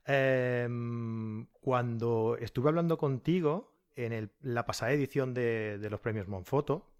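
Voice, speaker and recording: A man's voice: medium pitch, measured pace, clear, resonant tone. Man hosting a casual podcast. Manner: friendly, joking. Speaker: podcast host. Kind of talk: casual interview.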